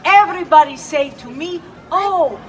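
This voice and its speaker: Woman as a kind old Italian-accented witch, high, swooping voice, slow storytelling, outdoor crowd behind, off-mic. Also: lively intonation, a little hiss or hum. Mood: playful. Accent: put-on Italian. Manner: playful, coaxing, asks children questions. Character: kindly old Italian witch who brings gifts. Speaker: costumed storyteller for children. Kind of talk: live in-character storytelling. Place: outdoors in a public urban space. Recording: distant outdoor recording with crowd.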